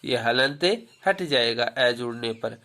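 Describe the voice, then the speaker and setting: Teacher, male, bright forceful delivery; poses questions and answers them, repeats points for pupils. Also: mid-range voice, slow pace. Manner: asks a question, then answers it himself; repeats key points; tells pupils to remember. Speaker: Hindi grammar teacher. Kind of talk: classroom lesson with questions to pupils.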